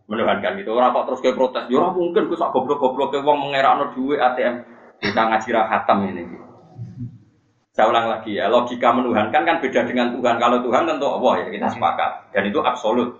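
A middle-aged Islamic preacher with a Javanese accent delivers a funny religious study lecture, repeating his main points and quoting Arabic. His voice is mid-range and fairly bright, on an echoey, muffled lo-fi recording.

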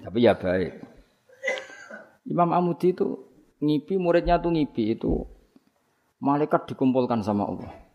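A man's voice: medium pitch, animated, moderate pace, long pauses, lo-fi sound. A man with a Javanese accent giving a casual, joking religious sermon. He mixes in Javanese phrases and often laughs while he talks. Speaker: Islamic preacher.

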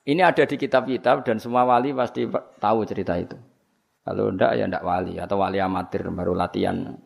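Male preacher with a Javanese accent, rough gravelly low voice, casual sermon with laughs. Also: steady tone, brisk. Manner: joking, laughing, slips into Javanese. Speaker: Islamic preacher.

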